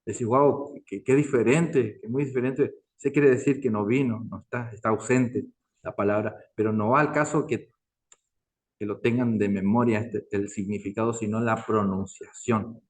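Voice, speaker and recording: A man's voice: fairly low pitch, steady tone. A man teaching a language class online, patient and repetitive, constantly checking in with his listeners. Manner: slow, patient, repeats words and asks "¿no es cierto?".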